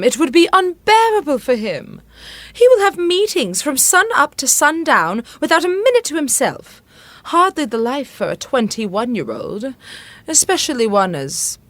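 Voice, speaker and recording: A middle-aged queen with a fairly high voice that moves expressively up and down. She speaks with refined, earnest feeling, devoted yet quietly scheming, in a dry, close audio drama sound. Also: no room sound.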